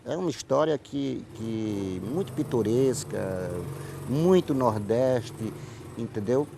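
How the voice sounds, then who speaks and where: A writer and playwright from Paraíba in Northeast Brazil, speaking with a Northeastern Brazilian accent, answers a conversational interview by telling stories. His medium-pitched voice is expressive, slow, and creaky, he often repeats words and phrases for emphasis, and background noise is present.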